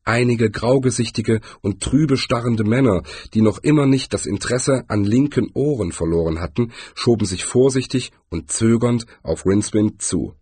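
A man reading a story aloud as an audiobook narrator, telling it in a measured way. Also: mid-range voice, a little mellow, slightly rough, no room sound. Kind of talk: scripted narration.

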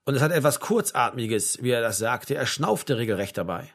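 A man narrating a literary novel in a wry, measured manner. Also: medium pitch, lively intonation. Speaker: audiobook narrator.

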